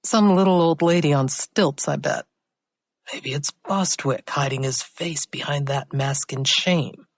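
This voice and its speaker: Audiobook thriller: woman playing a quick, teasing female sleuth. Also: low voice, no echo. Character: quick-witted woman handwriting expert, teasing.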